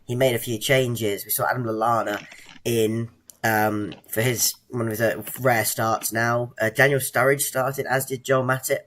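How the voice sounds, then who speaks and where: A man talks football in a measured, thoughtful way, pausing on fillers as he builds his point. His voice sits in a middle pitch. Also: fairly even intonation, a bit bright. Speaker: podcast co-host. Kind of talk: casual football chat.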